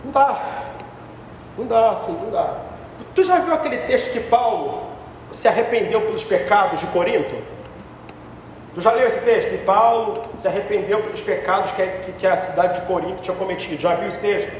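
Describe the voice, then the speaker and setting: A pastor with a very high voice preaches in a big church hall. He is animated and mocking, shouting one moment and dropping to soft asides the next. His voice echoes heavily and sounds far from the mic, with a long reverb tail. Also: brisk, a little hiss or hum. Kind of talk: sermon.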